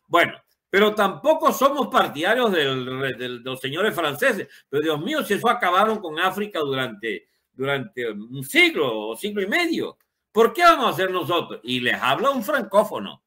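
A political commentator in his seventies, a native Spanish speaker, delivers an opinionated, unscripted monologue emphatically, full of rhetorical questions and colourful wording. His fairly high voice swoops wildly in pitch at a moderate pace, sounding bright and forceful.

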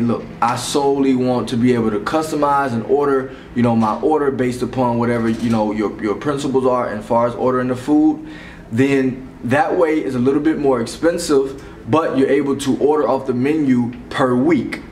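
A man's voice: medium pitch, a little mellow, recorded from a distance, a little hiss or hum. Young man explaining, roomy echo. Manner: conversational, repeats words and restarts, many fillers. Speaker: meal prep business owner. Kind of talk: casual explainer to camera. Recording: roomy echo, voice a bit off-mic.

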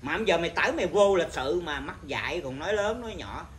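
A Buddhist monk teacher giving an informal dharma talk, blunt and scolding, with a naturally loud voice. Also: male voice, fairly high pitch, lively intonation, fast, slight background noise.

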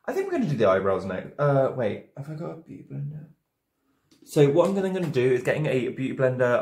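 A tipsy makeup video creator in his twenties, drunk on wine, talks casually to camera as though giving a tutorial, rambling, second-guessing himself and losing his thread. His male voice is average in pitch with a darkish tone. He's in a roomy indoor home studio with a dark backdrop, and the sound echoes.

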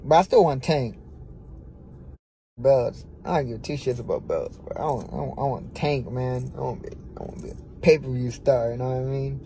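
A young US boxer livestreams on social media at night from a dim room, holding his phone close, with a little hiss or hum in the audio. His medium-pitched voice is animated, gravelly and mellow at a moderate pace, and he talks brashly, repeating himself and swearing freely.

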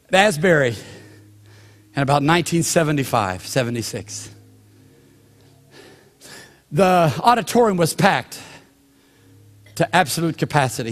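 An older man, a pastor, preaching a sermon with a storytelling manner, drawn-out pauses and slowing down for emphasis. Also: fairly high pitch. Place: church sanctuary. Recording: long hall reverb of a church sanctuary.

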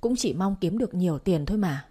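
A woman voicing a loud, lamenting older woman who has been cheated of her money, in an audio story. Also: on the low side, lively intonation, fast, breathy edge. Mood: pleading. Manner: loud lamenting, crying out to heaven.

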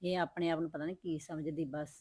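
Web drama: actress as middle-aged village wife, blunt, rapid, reproachful; dry recording. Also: female voice, mid-range voice, darkish tone, no echo, close to an everyday voice. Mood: muttering aside. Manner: fast, reproachful, then muttering asides. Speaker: Sukhwinder, sister-in-law. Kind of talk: web series drama acting.

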